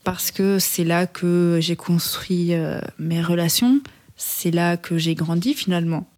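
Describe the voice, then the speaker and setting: Jeune femme hésitante, italien, posée. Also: female voice, fairly low pitch, unhurried, darkish tone. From Italy. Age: 20s. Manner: hesitant, many fillers. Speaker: interviewee. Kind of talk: documentary interview.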